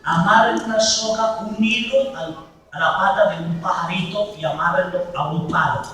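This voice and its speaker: A man preaching a sermon as a priest at a healing retreat, emphatic, slowing and swelling on key words. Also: high voice, bright, forceful tone, slight background noise. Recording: echoey hall from far off.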